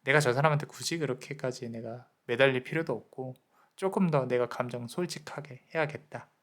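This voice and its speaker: A man giving a tarot reading, gently counseling the listener about love and self-worth and briefly acting out people's inner thoughts. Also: mid-range voice, fairly quick. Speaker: tarot reader. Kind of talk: tarot reading advice to viewers.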